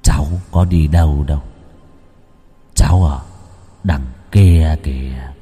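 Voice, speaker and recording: A man voicing a possessed young village man who speaks slowly and deliberately from deep in his throat. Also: lively intonation, dark tone, big-room sound, faint music behind, full character voice. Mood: eerie. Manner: slow, deliberate, low and throaty.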